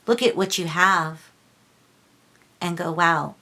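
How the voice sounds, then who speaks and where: A woman talks slowly through a tarot reading in a low-pitched voice. She is earnest and a little preachy, circling back over her words and restarting sentences. She sounds emotional, close to tears. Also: fairly even intonation, fairly bright tone. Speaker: tarot reader. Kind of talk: casual tarot reading vlog.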